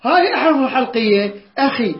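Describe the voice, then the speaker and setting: A man's voice: very high-pitched, expressive, fairly quick. A man teaches Quran recitation rules, patiently repeating and quizzing his students. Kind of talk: tajweed lesson with call-and-response drills. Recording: roomy, dull lo-fi recording.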